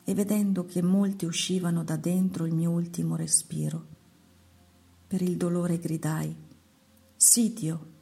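Woman voicing the Lord, solemn divine voice, low flat delivery, husky, soft music behind. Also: heavily acted. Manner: slow, measured, hushed recitation. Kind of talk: devotional reading.

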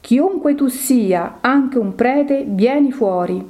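A woman voicing an angry, frightened middle-aged father who shouts in alarm and distrusts priests. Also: mid-range voice, moderate pace, lightly acted. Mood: shouting.

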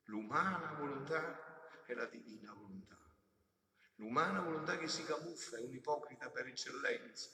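A man's voice: mid-range voice, bright, forceful tone. A man, a friar, preaching a homily in an emphatic, fatherly way, with casual asides to the congregation. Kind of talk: sermon. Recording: echoey hall, distant mic.

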